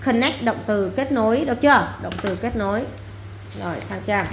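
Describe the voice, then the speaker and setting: Her voice fairly high and expressive, an English teacher works through a classroom vocabulary drill at a moderate pace: she says a word, repeats it, and explains it plainly. The recording carries room echo and faint background noise.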